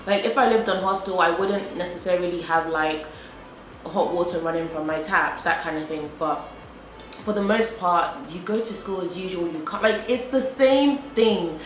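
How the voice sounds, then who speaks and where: A young British woman, a vlogger, chats to camera over a meal in a loose, repetitive way, with "like" cropping up often. Her voice is fairly low and her pace normal. Faint music plays, and the echoey room carries a faint background hum.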